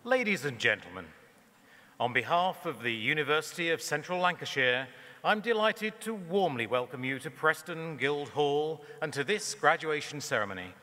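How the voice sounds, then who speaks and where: Formal guy at a podium speech welcoming people, forceful bright voice, swoops up and down, big hall. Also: fairly high pitch, animated, moderate pace. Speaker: ceremony announcer. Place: large concert hall stage, indoors. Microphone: lectern microphone. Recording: long hall reverb from podium PA.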